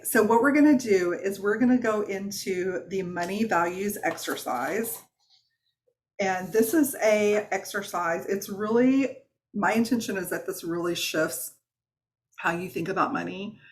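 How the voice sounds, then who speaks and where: A woman with a Southern accent leading a live online workshop as a wellness coach, chatty and encouraging, with fillers and restarts. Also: fairly low pitch.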